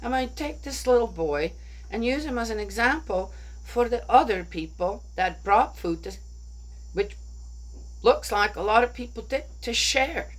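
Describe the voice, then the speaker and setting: Over poor audio, a woman with a fairly high, lively voice speaks at normal speed. She leads a bible study, chatting her way through a bible story, musing aloud and often asking "right?"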